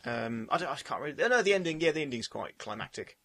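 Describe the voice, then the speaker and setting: Male film podcast co-host, bright husky voice, jokey casual chat. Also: on the high side, big pitch swings, fast. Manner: joking, teasing, chatty.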